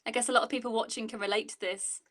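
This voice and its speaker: A woman with a high voice hosts a casual online chat. Her delivery is informal and conversational, in the manner of an interviewer on a video call. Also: steady tone, racing, fairly bright tone. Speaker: host.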